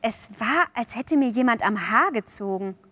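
An excitable young girl from a storybook, as a woman reader puts her on. She gushes and pleads in a very high, bright voice, her words tumbling out with wonder. The sound is close and dry. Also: moderate pace, dry recording. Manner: excited, high-pitched exclamations.

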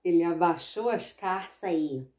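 Brazilian woman storyteller for kids, animated, lively pitch, mellow tone. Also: measured pace, a little hiss or hum. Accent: Brazilian Portuguese. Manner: expressive, animated. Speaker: storyteller for children. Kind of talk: children's storytelling. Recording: echoey room.

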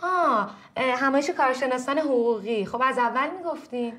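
An insistent, fussy woman pushes to be seen today. Her voice sits high. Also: fairly bright tone. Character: impatient woman pushing for an appointment.

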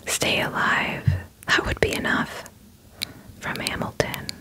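A woman's voice: slow, bright, forceful tone. A woman whispering a soothing pep talk in the style of ASMR affirmations. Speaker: ASMR host.

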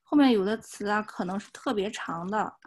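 Over a video call, a woman teaches beginner Japanese, explaining things patiently one step at a time. She talks a little fast at a medium pitch, and there's noise in the background.

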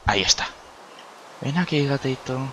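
A man's voice: mid-range voice, expressive, moderate pace, pushed and bright, a little hiss or hum. A young man giving playful, swearing gameplay commentary, often dropping to a coaxing near-whisper. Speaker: gaming YouTuber.

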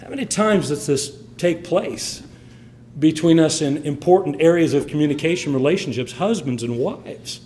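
A man's voice: a little high, lively intonation, moderate pace, darkish tone, echoey room, a little hiss or hum. A man preaching a sermon with emphatic, swinging delivery. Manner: emphatic, rising and falling delivery.

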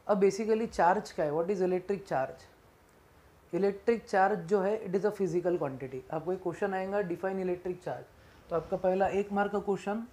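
A woman physics teacher giving a classroom lecture, dictating definitions slowly and repeating phrases word by word while mixing Hindi and English. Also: medium pitch, mellow. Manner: mixes Hindi and English mid-sentence.

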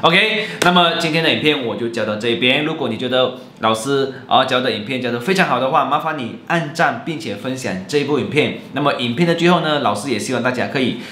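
A man, teaching a playful video lesson in an animated, jokey way and mixing in English and Malay words. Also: medium pitch, fast talker, hardly any pauses, a little hiss or hum. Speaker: language teacher. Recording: roomy echo.

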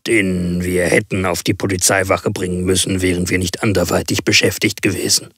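A man's voice: deep voice, level tone, a little fast, fairly bright tone, slightly rough, dry recording, studio quality. A man voicing a stolid male police constable who talks in a blunt, matter-of-fact way.

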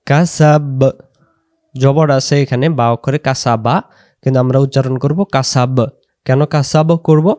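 A man teaching correct recitation, patiently spelling out letters and vowel marks, then reciting slowly with long drawn-out vowels. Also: mid-range voice, mellow, no echo. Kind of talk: slow pronunciation lesson.

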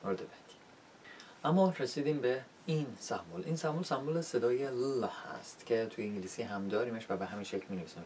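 Low-voiced man teaching pronunciation. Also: darkish tone. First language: Persian. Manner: demonstrates sounds by repeating words slowly. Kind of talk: spoken lesson. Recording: distant mic with faint rumble.

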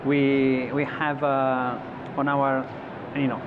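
A man in his thirties talks as a guest on a convention-floor studio set. He explains at an easy middle pitch, often restarting his words. The audio is slightly muffled, with clear crowd noise around him. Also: level tone, slow pace. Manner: thoughtful, many restarts and fillers. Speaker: company executive guest. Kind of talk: trade show interview.

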